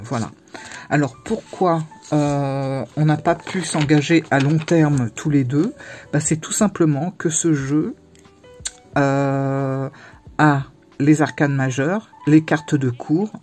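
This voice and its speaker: A woman vlogger casually discusses her tarot decks on camera in a deep, mellow voice. Her speech is halting and self-interrupting, with frequent pauses.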